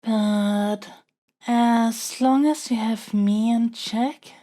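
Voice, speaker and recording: Voicing a haughty but smitten young princess captured by a dragon, this woman performs scripted audio roleplay with formal, stately, politely pleading lines that coax diplomatically. Her voice sits on the high side, mellow and steady, delivered very slowly.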